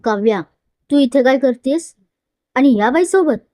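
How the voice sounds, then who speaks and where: A woman's voice: a little high, normal speed, darkish tone, no room sound, close to an everyday voice. A woman voicing a possessive, hot-tempered young man with a commanding, intense manner, in a dry close recording. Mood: angry.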